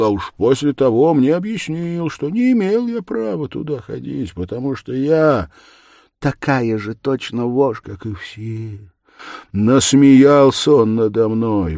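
A tormented young man pours out a feverish, bitter confession, as a male reader acts him out. His voice surges with agitation and swings lively in pitch, recorded dry and close in an audiobook style. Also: dry recording. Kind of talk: audiobook character voice.

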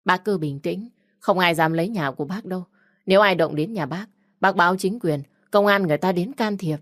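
An earnest young villager speaks quickly to calm someone down, as a woman narrator voices the part. The voice is low and dry in a storybook reading. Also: no echo, lightly acted. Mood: reassuring.

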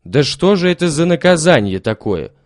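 A man's voice: fairly high pitch, big pitch swings, normal speed, no room sound, studio quality, pitched above the performer's own voice. A man voicing an angry female servant who shrieks and scolds in a storybook reading. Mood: furious. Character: furious, shrill old female servant.

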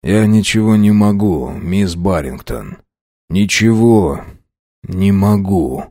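A man playing a weary, dying male doctor who speaks slowly and quietly to comfort his patients. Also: deep voice, animated, dry recording, studio quality, full character voice. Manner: slow, quiet, gently comforting.

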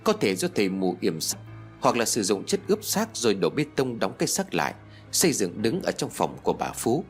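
A man's voice: lowish voice, huge pitch swings, fairly quick, soft background music. A man reading a ghost story aloud in dramatic, scripted narration. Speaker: audiobook narrator.

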